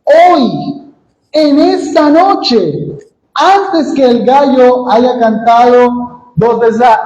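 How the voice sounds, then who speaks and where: A man's voice: mellow, highs cut off, a little hiss or hum. A man, a pastor, preaching an expository sermon with emphasis, acting out the quotes he reads. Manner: emphatic, acts out quotes with shifting pitch. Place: church sanctuary. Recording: echoey church room.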